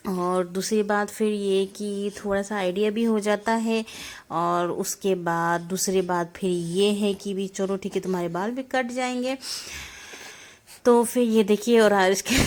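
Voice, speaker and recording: A young mother talks to her viewers in a loose, rambling home-vlog way. Her voice sits at an ordinary middle pitch, and her chat is easygoing and often broken by laughter. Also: a little mellow. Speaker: mother vlogging her family channel. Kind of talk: casual home vlog narration.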